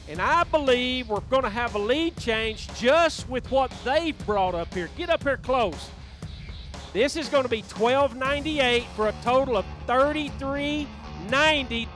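A middle-aged man emceeing a live outdoor weigh-in on a handheld mic, loud and rallying. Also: very high-pitched. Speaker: tournament director. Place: outdoor stage under a pavilion.

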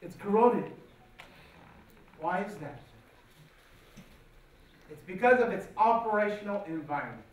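A man giving a formal motivational speech in a deliberate, rehearsed-sounding way, in short measured phrases with dramatic pauses. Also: high voice, very animated. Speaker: guest speaker at a speech competition. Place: large auditorium stage, indoors. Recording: very echoey hall, distant, faint noise.

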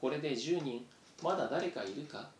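A man voicing a gruff, rough-talking male mouse leader with blunt speech. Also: animated, normal speed, lightly acted. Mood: commanding. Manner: rough, blunt street talk. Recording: roomy echo, faint rumble.

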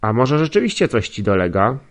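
A man's voice: medium pitch, very animated, brisk, natural voice. A man voicing a blunt, scolding but caring maidservant woman in an audiobook, with nagging, raised calls.

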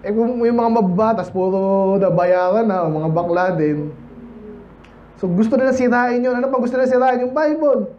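High-voiced Filipino pastor preaching casually. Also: male voice, moderate pace, lo-fi sound, slight background noise. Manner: conversational preaching, asks the congregation "Amen?" and "di ba?". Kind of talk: Baptist sermon. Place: church.

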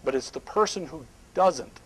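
A middle-aged man speaking at a live seminar on a small indoor stage, emphatic and animated, sometimes dropping to hushed asides. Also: a little high, normal speed, a little hiss or hum, poor audio.

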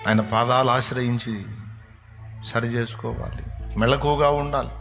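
A man's voice: mid-range voice, steady tone, unhurried, a bit bright. A man preaching an emotional sermon, pleading and repeating phrases in rising cascades. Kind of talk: emotional sermon with sung hymn lines. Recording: clear music bed underneath.

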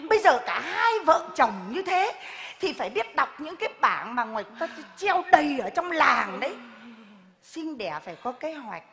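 A woman's voice: high-pitched, very animated, normal speed, heavily acted. A woman playing a bossy village woman who scolds and lectures a pregnant neighbor in a live comedy skit. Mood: scolding. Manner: scolding, lecturing, loud and exaggerated. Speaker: comic stage actor. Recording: reverberant live stage hall.

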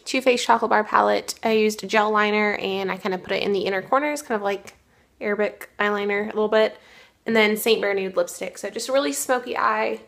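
A young woman chatting casually to her camera in a beauty vlog, upbeat with quick asides. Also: medium pitch, gravelly, a bit bright. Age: young adult. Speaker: beauty vlogger.

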